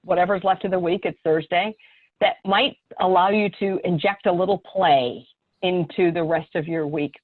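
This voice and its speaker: A woman's voice: on the low side, no room sound. A woman facilitating a group on a video call, inviting people to share. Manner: inviting, encouraging. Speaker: workshop facilitator. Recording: tinny dry phone-like call audio.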